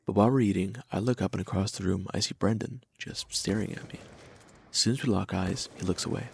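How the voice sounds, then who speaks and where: Gravelly young man telling a wry story. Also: sits low, steady tone, quick pace, a little hiss or hum. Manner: wry, slangy first-person storytelling. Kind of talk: scripted storytime narration.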